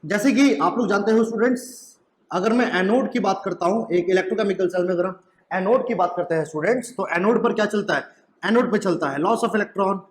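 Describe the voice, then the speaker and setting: At the whiteboard, a young man teaching chemistry addresses his class in a high voice at a slightly fast pace. He echoes his own questions back to the students, keeps asking "right?", and slips English phrases into his speech.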